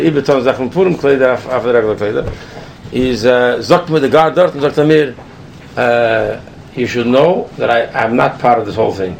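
A man telling a personal story in a casual, animated way, with many restarts and switches between languages. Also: on the high side, vocal fry, slight background noise.

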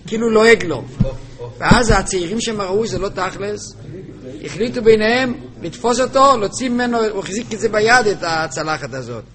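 High-voiced man telling a story. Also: animated, a bit bright. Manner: halting, repeats words, restarts phrases. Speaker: storyteller at a religious gathering. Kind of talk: casual storytelling to a group. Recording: crowd chatter behind voice.

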